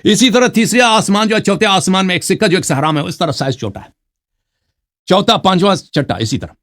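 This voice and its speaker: A man's voice: sits high, expressive, fairly bright tone. A man debating religion, who reads Arabic quotations aloud and then explains them in a mocking way, often checking with "right?". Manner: mocking, keeps asking "right?". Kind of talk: religious debate, citing texts.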